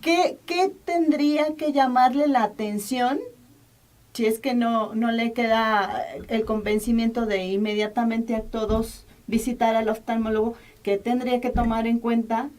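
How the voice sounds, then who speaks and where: A woman's voice: a little high, steady tone, unhurried, darkish tone. A woman host with a Mexican accent, asking a doctor questions in a chatty way with many restarts. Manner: conversational, restarts and repeats while asking. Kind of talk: interview, health program.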